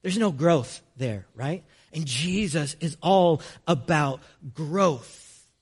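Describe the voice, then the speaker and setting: A man's voice: fairly high pitch, animated, takes it slowly, slightly rough. A young man preaching a conversational sermon in a storytelling way, often using "like" as a filler.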